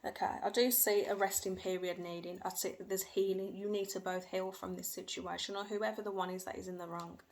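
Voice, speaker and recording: Reading tarot for viewers at home, a woman talks a little fast with hardly any pauses, her medium-pitched voice showing little pitch movement. She hedges, repeats herself and trusts her feelings, while her young children are faintly heard.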